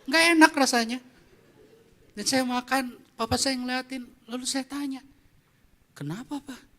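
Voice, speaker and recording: High-voiced bright male pastor. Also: steady tone, moderate pace. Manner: conversational, addresses the congregation with questions. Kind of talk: storytelling sermon. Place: church service.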